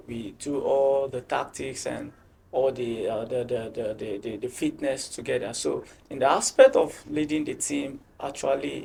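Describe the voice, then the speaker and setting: A man, captain of a football team, answering interview questions in a halting way, often repeating words. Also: medium pitch, gravelly, darkish tone, slight background noise.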